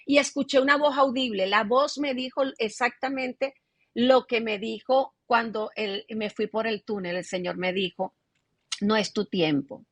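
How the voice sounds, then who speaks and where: A woman's voice: fairly high pitch, fairly even intonation, normal speed, no room sound. A middle-aged woman pastor, telling her testimony in an interview and acting out the dialogue she quotes.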